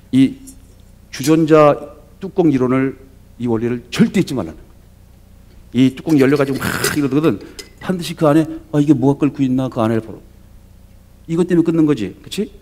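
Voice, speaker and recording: A male pastor giving a sermon in an animated, conversational storytelling manner, often checking in with the congregation. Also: mid-range voice, normal speed, long pauses, slight background noise.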